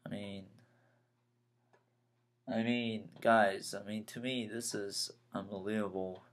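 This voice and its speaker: A nineteen-year-old man vents in a rambling personal vlog, his voice sitting on the low side. He talks slowly, trips over his words and starts phrases again and again, sounding frustrated. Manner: halting, repeats and restarts phrases, frustrated. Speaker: vlogger.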